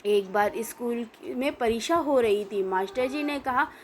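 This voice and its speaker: A woman reading a comic children's story aloud in an unhurried way, with many hesitations. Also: a little high, a little hiss or hum.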